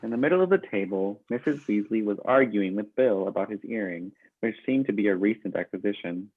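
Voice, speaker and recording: A man narrating a storybook aloud in a steady, even way. His voice is on the low side. It comes through a thin, phone-like video call. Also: a little fast, no room sound.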